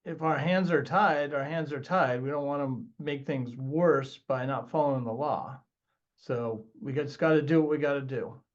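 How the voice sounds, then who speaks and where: A man's voice: a little high, steady tone, moderate pace, dull audio, lightly acted. A man playing a reluctant condo owner. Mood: resigned. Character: reluctant male condo owner pushing to delay.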